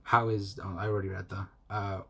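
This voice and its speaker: A young South Welsh man with a South Welsh accent hosts a solo fan livestream, reading chat comments in a rambling, repetitive, friendly way. His voice sits low and brisk, creaky and a bit bright, with a breathy edge and little pitch movement.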